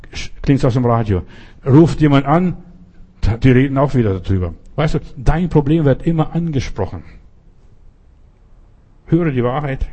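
A man delivers an urgent sermon in a dark, mellow voice. He speaks straight to the listener and hammers the same points over and over. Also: mid-range voice. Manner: exhorting, repetitive, addresses listener directly. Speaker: preacher.

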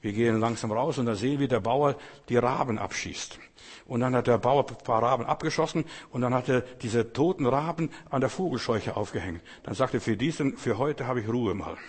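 Man, preacher, sermon, insistent and exhorting, mid-pitched, reverberant hall. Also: fairly quick, husky. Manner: addresses listeners directly, insistent and exhorting.

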